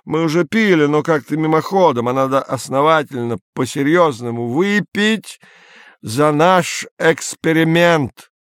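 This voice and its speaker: A young Soviet scientist pushes his point loudly and insistently, voiced by a man reading the story. His voice sits above the reader's own. The recording is dry and close. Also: a little high, expressive, a little slow, no echo, voice pushed up. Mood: heated. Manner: shouting, heated and insistent.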